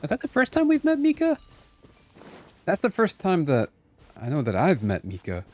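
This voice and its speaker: A man with a high, darkish voice streams a game, chatting casually and playfully with viewers at a normal speed while his pitch swoops wildly. He exclaims often, and game music plays behind him.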